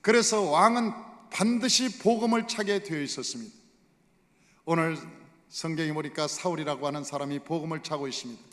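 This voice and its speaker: A male pastor preaching in a church sanctuary, telling stories and speaking straight to his congregation. His voice sits high for a man. A long reverb from the hall hangs behind every phrase. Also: a little fast, fairly bright tone. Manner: storytelling, addresses the congregation directly. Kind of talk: sermon.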